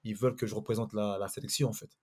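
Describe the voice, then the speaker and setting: A man's voice: fairly low pitch, steady tone, very fast, a little mellow. A man from Paris, a former footballer, telling a long story in a casual chat with some hesitation. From Paris, France. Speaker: former footballer, panel guest.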